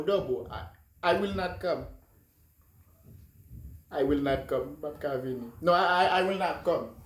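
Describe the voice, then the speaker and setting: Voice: mid-range voice, close to an everyday voice. A person playing a frantic Haitian parent in a comedy skit, with a Haitian accent and a theatrical, repetitive way of talking. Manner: theatrical, repetitive, code-switching. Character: frantic Haitian parent phoning a manager to skip work. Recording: echoey room.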